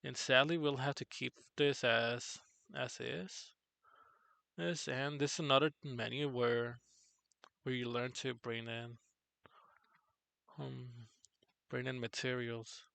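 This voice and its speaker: A tired man teaching on a live tutorial stream, halting and correcting himself as he goes. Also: fairly even intonation, creaky, sharp tone, no room sound. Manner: halting, self-correcting, low-energy. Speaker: streamer teaching 3D character software.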